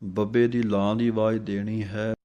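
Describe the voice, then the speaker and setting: A man teaching how to pronounce scripture, reciting lines slowly and then explaining each letter and vowel mark carefully. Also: lowish voice, level tone, warm tone, dull audio. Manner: slow, careful, spells out letters and vowel marks. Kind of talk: pronunciation lesson with slow chanted recitation.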